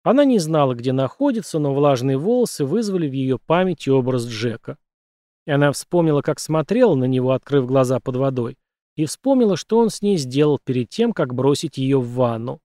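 A man's voice: mid-range voice, big pitch swings, brisk, dark tone, no echo, clean studio sound. A man narrating an audiobook thriller in a tense, dramatic storytelling manner.

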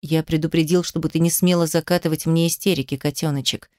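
A woman's voice: fairly even intonation, quick pace, darkish tone, dry recording, clean studio sound, close to an everyday voice. A woman voicing a cold, taunting rich man. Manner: low, taunting, mocking drawl. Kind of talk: audiobook character voicing.

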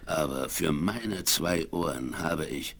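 An actor in a German radio play playing a gruff, vengeful frontiersman with a rough voice and hearty, old-fashioned talk. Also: a bass voice, slow, fairly bright tone, heavily acted. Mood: grim, vengeful. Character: gruff, vengeful frontiersman who hunts his enemies. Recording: 1970s vinyl radio play.

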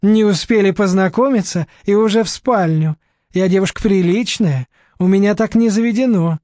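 Storybook landlady, whiny and coy, read by a man, pitched high, close dry mic. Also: normal speed, warm tone, dry recording, natural voice. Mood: coy whining. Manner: whiny, feigned innocence. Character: brash chatty woman flat owner, gap-toothed.

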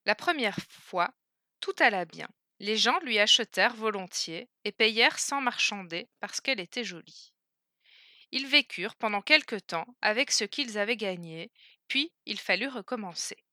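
A woman narrating a fairy tale in a clear, measured storytelling manner. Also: medium pitch, lively intonation, pushed and bright, no room sound, studio quality.

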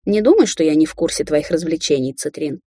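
A woman's voice: low-pitched, expressive, brisk, dark tone, husky, no echo, clean studio sound, exaggerated voice. A woman reading an audiobook, voicing a young sorceress who speaks to her mother sarcastically and tauntingly. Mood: cold. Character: young adult woman sorceress, mocking daughter.

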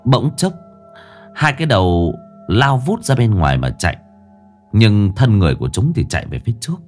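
A man's voice: fairly low pitch, normal speed, soft background music. A man narrating a horror story expressively, building suspense. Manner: expressive, rising and falling for suspense.

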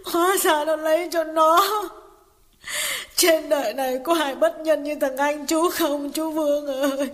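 Shrill, wailing betrayed wife. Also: male voice, steady tone, measured pace, fairly bright tone. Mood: lamenting. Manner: shrill cursing wail. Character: furious betrayed village wife near thirty. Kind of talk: audiobook character voice.

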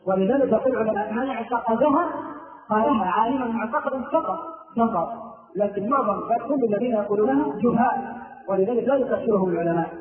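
A man's voice: very high voice, fast. A man with an Egyptian Arabic accent, a sheikh giving a religious lesson on prayer. He explains step by step and often sings out the phrases he corrects. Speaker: sheikh teaching prayer rules. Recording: echoey, distant, tinny phone-like sound.

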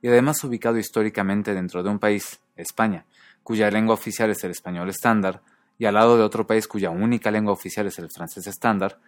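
A man giving scripted educational narration, measured, slowing down to pronounce example words carefully. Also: fairly low pitch, steady tone, no room sound, clean studio sound. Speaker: language lesson narrator.

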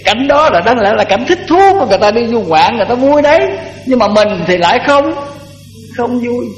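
An older Buddhist monk gives a folksy sermon, often repeating words. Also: male voice, very high-pitched, animated, a little fast, slight background noise. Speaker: Buddhist monk giving a dharma talk. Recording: echoey hall, dull lo-fi, faint music.

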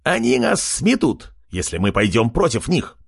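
A man voicing a shrill, excited pig-man warrior. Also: moderate pace, gravelly, breathy edge, no echo, studio quality, full character voice. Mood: excited shouting. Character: panicky boastful male pig-man warrior.

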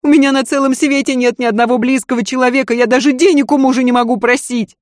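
Woman doing hysterical high-strung noblewoman. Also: fairly even intonation, fast, no room sound, studio quality, close to an everyday voice. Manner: shrill, screaming, sobbing outbursts. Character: hysterical noblewoman, proud, bitter, volatile.

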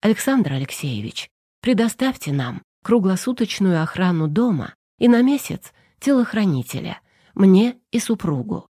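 Curt, commanding lawyer woman, read by a female narrator, warm dark tone, dry. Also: medium pitch, big pitch swings, normal speed, husky, no room sound. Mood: curt, tense.

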